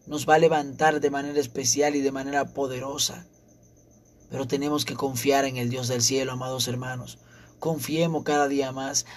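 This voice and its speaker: A man's voice: mid-range voice, slight background noise. Fervent male preacher. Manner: fervent, repetitive preaching with praise interjections. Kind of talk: sermon.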